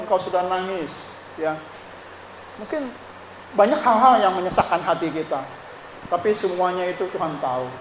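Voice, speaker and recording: A man's voice: sits high, a little hiss or hum. A male pastor preaching a sermon in a conversational way, often checking in with the congregation. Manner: conversational preaching, frequent "ya" and "Saudara" asides. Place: church. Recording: dull echoey church hall.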